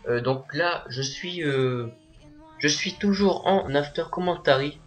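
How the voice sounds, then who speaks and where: A teenage boy narrating a software tutorial as a voice-over, hesitant and full of filler sounds. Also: fairly high pitch, a little slow, soft background music. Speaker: tutorial maker.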